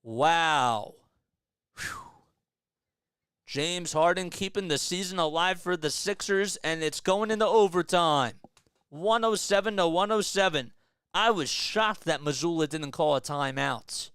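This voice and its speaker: A young man doing live fan play-by-play of a basketball game, excitable, yelling at big plays and dropping to a hushed mutter between them. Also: fairly high pitch, normal speed, clear, resonant tone, no echo, studio quality.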